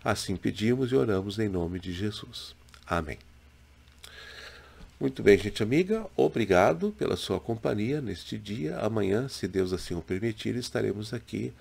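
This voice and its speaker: Older brazilian pastor, low husky voice, slow gentle devotional talk into a webcam at home. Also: male voice, expressive. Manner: slow, measured, gentle preaching with pauses. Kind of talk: daily devotional sermon. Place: small home room with bookshelf. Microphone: webcam in front, head and shoulders.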